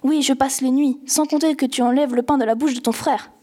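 Brief: a woman doing an anxious young shop girl, raised and pleading, soft mellow tone. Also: sits high, moderate pace, slightly rough. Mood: angry. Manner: anxious, urgent scolding.

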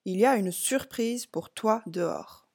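A kind, playful male spirit of autumn in a storybook, as a woman reader gives him voice. He talks with lively enthusiasm, a little louder and higher than the narration, close to her own voice. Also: measured pace, slightly rough. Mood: friendly.

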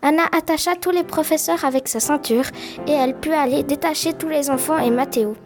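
A woman's voice: sits high, a little fast, darkish tone, soft background music. A woman narrating a story in a plain amateur reading, with small slips.

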